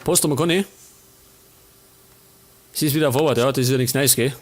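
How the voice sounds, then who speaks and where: A man's voice: mid-range voice, fairly quick. A man with a Bavarian accent casually commenting on a life-sim game as a let's play host, chatting and grumbling at the characters.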